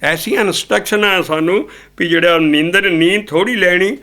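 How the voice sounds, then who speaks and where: A man's voice: high-pitched, moderate pace, sharp tone. A man preaching a Sikh sermon, explaining scripture lines and then singing them. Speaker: kirtan singer and preacher.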